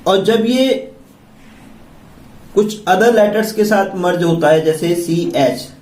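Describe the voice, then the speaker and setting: Man, Indian accent, English teacher, spells words letter by letter, unhurried delivery, echoey room, mic set back. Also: high-pitched, a little mellow, distant mic. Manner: slow, spells words out letter by letter, asks questions. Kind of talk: classroom-style vocabulary lesson.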